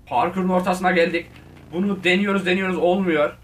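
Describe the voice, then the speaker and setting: A man giving casual, excitable commentary on his gameplay, talking straight to his viewers and shouting at the game. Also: high voice, fairly quick, far from the mic. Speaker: gaming video host.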